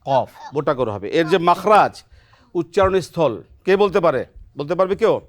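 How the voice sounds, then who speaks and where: A children's lesson on Quran pronunciation, filmed in a television studio, is led by a teacher whose voice is steady and middle-pitched. Patient and encouraging, the teacher repeatedly tests the students and tacks on a quick "right?".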